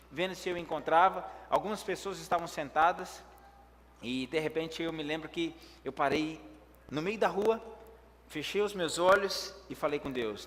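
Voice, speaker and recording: High-voiced man preaching in an echoey hall. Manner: vivid storytelling that acts out his own words; lively when telling the action, hushed in prayer. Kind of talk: storytelling sermon.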